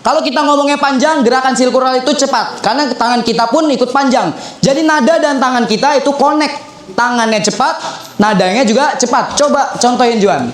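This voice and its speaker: A young man with a very high voice coaches students in public speaking. He explains step by step and repeats his phrases as he demonstrates. The sound bounces around an echoey hall. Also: brisk. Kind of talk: lively seminar teaching to students. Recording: echoey room.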